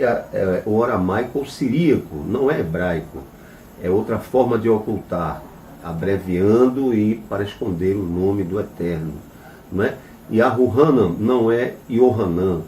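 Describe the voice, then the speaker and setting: A man leads a religious lesson as a rabbi, talking slowly with a mellow, relaxed voice. He spells out Hebrew letters one at a time and keeps asking his listeners "right?" along the way. He is heard from a distance in a roomy, echoing space with faint noise underneath. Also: fairly low pitch. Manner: spells out letters and vowel marks one by one, asks "right?" after nearly every phrase; emphatic when denouncing false claims. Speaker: rabbi teaching a class. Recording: echoey room, mic at a distance.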